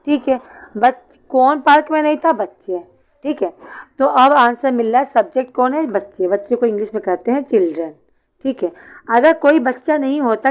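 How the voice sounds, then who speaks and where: Woman teacher doing an online english class, asks and answers herself, high voice, very dry close sound. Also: no room sound, poor audio. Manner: explains step by step, asking and answering her own questions.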